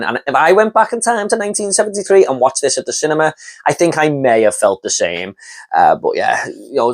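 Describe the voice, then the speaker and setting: Chatty man rambling through a horror review. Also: medium pitch. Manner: enthusiastic, rambling, with many fillers like "you know" and "and everything"; stutters and repeats words when starting a thought. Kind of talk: casual spoken film review.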